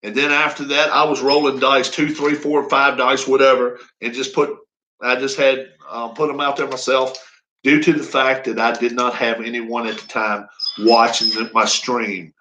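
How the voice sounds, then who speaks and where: A man's voice: mid-range voice, little pitch movement, normal speed, bright, forceful tone, poor audio. A man in his fifties chatting casually on a live stream, rambling and folksy with frequent chuckles. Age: 50s. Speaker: racing league streamer.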